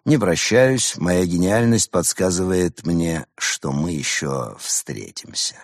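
A man's voice: deep voice, expressive, slow pace, gravelly, no echo, studio quality, heavily acted. A man voicing a conceited male ghost tiger who boasts of his genius. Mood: smug.

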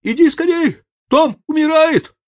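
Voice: mid-range voice, very animated, slow pace, darkish tone, husky, pitched above the performer's own voice, exaggerated voice. A reader voicing a scared young boy who urgently begs his sick brother to answer him. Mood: alarmed. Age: child. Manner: urgent, worried, pleading.

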